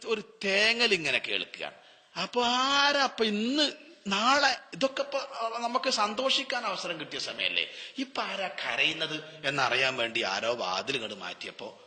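A man preaching a Ramadan sermon, telling stories with rhetorical questions and swinging from loud to hushed. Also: medium pitch, long reverb tail.

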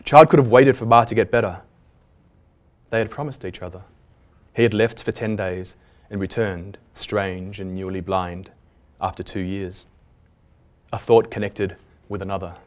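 Low-voiced man reading literary fiction aloud. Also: steady tone, moderate pace, long pauses. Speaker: author reading his own fiction. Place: public library event.

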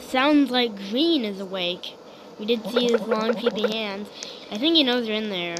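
A woman giving gameplay commentary in a hushed, half-whispered voice. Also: a little high, normal speed, heavy background noise. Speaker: gamer.

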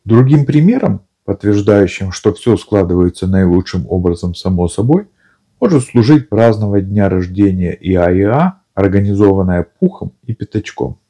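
A man narrating an audiobook in a calm, even storytelling manner. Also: lowish voice, normal speed, husky. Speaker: audiobook reader.

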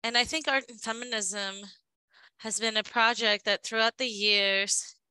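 A woman giving a live interpretation of a panel discussion, halting and often restarting her phrases. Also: on the high side, fairly even intonation, sharp tone, clean tone, no room sound, poor audio.

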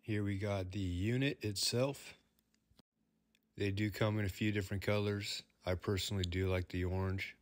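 A man's voice: lowish voice, steady tone, normal speed, no echo, clean studio sound. A man, a plumber, talking through a product review in an easygoing, plain-spoken way.

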